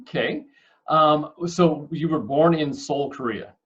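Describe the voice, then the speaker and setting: A man's voice: fairly high pitch, slow. Upbeat male host on a dull call. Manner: friendly, upbeat, joking asides. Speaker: host, school staff member. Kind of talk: casual interview for kids.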